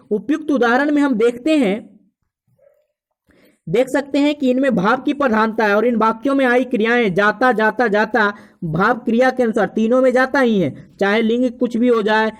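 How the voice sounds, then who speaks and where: A man teaching an exam-prep grammar lesson, explaining step by step with examples and checking in with the students. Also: extremely high pitch.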